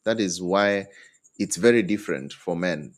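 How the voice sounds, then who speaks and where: A man giving relationship advice to an audience. He talks in an animated way, jumps his pitch up when acting out what partners say, and keeps checking in with "hmm?" and "eh?". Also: moderate pace. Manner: animated, acts out quoted partners with leaps in pitch; tag questions like "hmm?" and "eh?". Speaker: relationship speaker.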